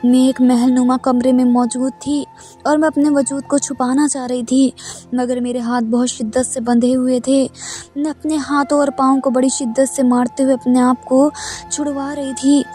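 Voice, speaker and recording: A woman narrating a dramatic first-person story in a steady, even manner. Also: high-pitched, moderate pace, faint music behind.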